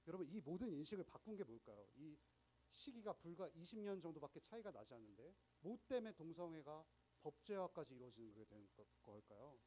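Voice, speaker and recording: A young man gives a sermon to teenagers in a chatty, explanatory way and keeps asking them questions. His voice is a bit high and swings widely in pitch. A faint ambient hum sits underneath. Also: sing-song, a little fast, a little mellow, low-quality recording. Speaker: youth group preacher.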